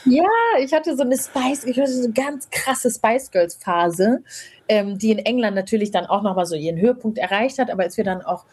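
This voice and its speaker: A woman's voice: mid-range voice, expressive, moderate pace, darkish tone, husky. A woman from Rwanda in her thirties, a guest talking reflectively in a casual interview, with frequent fillers. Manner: reflective, many fillers and hedges.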